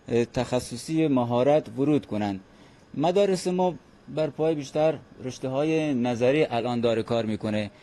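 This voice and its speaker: Mellow-voiced man speaking earnestly. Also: medium pitch. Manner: earnest, measured, frequent hesitant fillers. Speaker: guest expert. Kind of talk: formal radio interview.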